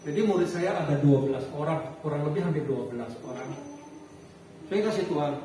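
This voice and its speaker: A man preaching a sermon as a pastor, telling a personal story in an animated way with frequent halting restarts. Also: a little high. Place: church hall. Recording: echoey hall, distant mic, faint noise.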